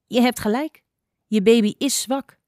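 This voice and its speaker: A woman's voice: on the high side, unhurried, dark tone, no echo, studio quality, pitched above the performer's own voice, close to an everyday voice. Woman voicing a grumpy blind old fox. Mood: stern. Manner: scolding, impatient.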